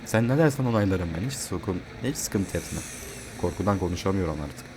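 A man playing a horror game and commenting, joking and swearing, yelling in panic when chased. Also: low voice, animated, fairly quick, noisy background. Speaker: gamer.

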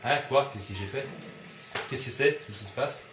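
A man's voice: medium pitch, moderate pace, echoey room, background noise. A man commenting casually on his gameplay in a let's play, grumbling, easily annoyed and swearing often. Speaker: gamer doing a let's play.

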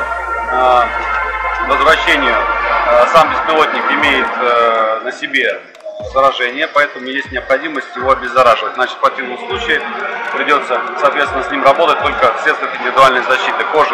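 A man's voice: mid-range voice, fairly even intonation, a little fast, over loud music. A man in his thirties explaining an exhibit off the cuff in a large indoor expo hall, hesitating often with filler sounds. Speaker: exhibitor presenting a device.

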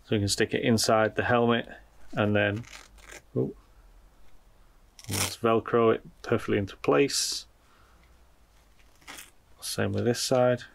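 A product reviewer with a deep, gravelly, creaky voice talks about an item while handling it, sounding off-the-cuff, like he's thinking aloud during a relaxed unboxing. He speaks slowly in a steady tone, pausing often, with a slight hiss or hum in the background.

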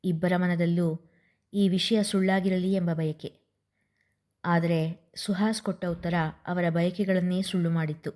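A woman's voice: fairly low pitch, steady tone, measured pace, long pauses, darkish tone. A woman narrating a serialized family love story as a storyteller.

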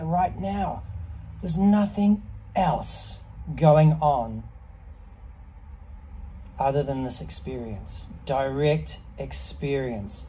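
Slow, mellow, contemplative middle-aged man. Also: on the high side, slight background noise, rough recording. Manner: contemplative, measured, with pauses between short phrases. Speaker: ice bath practitioner. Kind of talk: reflective monologue to camera. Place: small block-walled semi-outdoor space, in an ice bath.

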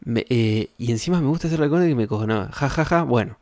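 A man's voice: mid-range voice, lively intonation, quick pace, a little mellow, no echo. A young man from Argentina with a Rioplatense accent, reacting to tweets as a streamer in rambling, sarcastic casual chat, swearing often and laughing at his own jokes. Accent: Rioplatense Spanish.

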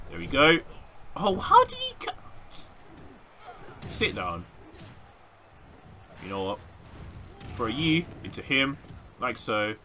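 A young man giving excited play-by-play commentary over a wrestling video game, reacting loudly and laughing often. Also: fairly low pitch, a little hiss or hum. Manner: animated, reacting loudly with frequent laughs and yelps. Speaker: gaming YouTuber.

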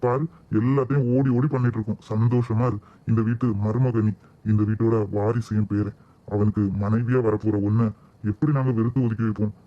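A man's voice: fairly low pitch, fairly even intonation, brisk, lo-fi sound, close to an everyday voice. A man voicing a kindly old grandfather with a Kanyakumari Tamil accent in a cartoon, speaking in a reassuring, fatherly way. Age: older.

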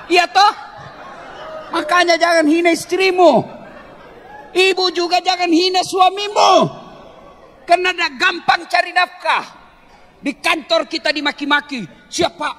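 A man preaching a lively, humorous sermon to a crowd, teasing and joking with the audience before turning earnest. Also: extremely high pitch, a little hiss or hum. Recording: long hall reverb.

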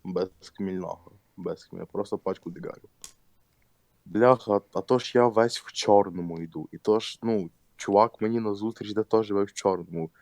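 Low-voiced young man swearing through a story. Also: a little fast, vocal fry, a little mellow, dry recording. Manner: crude slang-heavy, laughs often. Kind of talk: casual storytelling with acted quotes.

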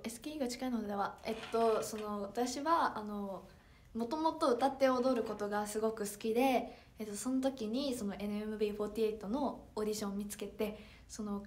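A sixteen-year-old girl with a Toyama accent, chatting politely on a livestream and reading out viewer comments with many fillers. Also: fairly high pitch. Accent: Toyama dialect. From Toyama, Japan. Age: teens (16). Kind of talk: casual livestream chat.

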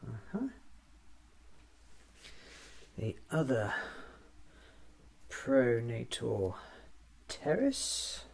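Quirky time-traveller doctor played by a man, thirties, for soft ASMR roleplay; unhurried muttered monologue, animated pitch. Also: vocal fry, exaggerated voice. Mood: musing, wry. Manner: muttering to himself, halting, deliberate. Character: newly regenerated time-travelling alien doctor, musing, quirky, self-examining.

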